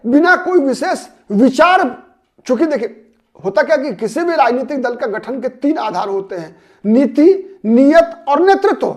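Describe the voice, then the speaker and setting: Man giving analytical political commentary. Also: very high voice. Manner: analytical, poses rhetorical questions and answers them; repeats names and key words for emphasis. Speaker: political commentator and channel host. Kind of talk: solo political commentary to camera.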